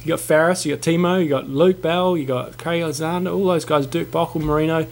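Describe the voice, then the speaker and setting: Gravelly Kiwi man reporting on sport. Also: fairly high pitch, fairly even intonation, fast talker. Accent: New Zealand. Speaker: co-host of a triathlon show. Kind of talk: casual sports chat and race reporting.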